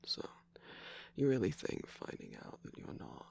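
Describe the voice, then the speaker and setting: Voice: moderate pace, natural voice. A performer voicing a teasing, manipulative male cookie trickster in a whispered ASMR roleplay, with a mocking, prodding manner.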